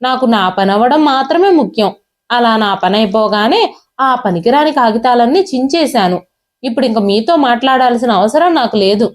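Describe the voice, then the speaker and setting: A woman's voice: a little high, lively intonation, normal speed, lightly acted. A woman storyteller voicing a cruel, arrogant grown son who talks down to his father harshly. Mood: dismissive. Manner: harsh, dismissive, yelling.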